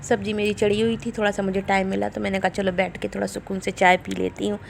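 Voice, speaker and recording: A woman in her forties with a Bundelkhandi Hindi accent, talking through her day in a chatty, homely way for a daily vlog. Her voice has a gravelly edge at a middle pitch. It is recorded on a phone in a home kitchen with faint household sounds behind her. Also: level tone, fast talker, a little hiss or hum. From India. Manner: chatty, homely, retells family talk. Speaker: vlogger. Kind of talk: casual daily vlog narration.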